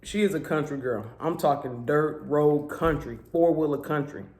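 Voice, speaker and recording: A woman hosting a casual eating vlog at home, telling stories with an animated, drawling, laughing manner. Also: low voice, moderate pace. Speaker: vlog host. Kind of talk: casual chat while eating. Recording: echoey room.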